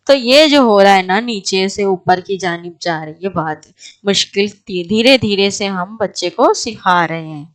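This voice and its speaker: A woman's voice: mid-range voice, expressive. A woman teaching an exam prep lecture, asking her class questions and then answering them herself.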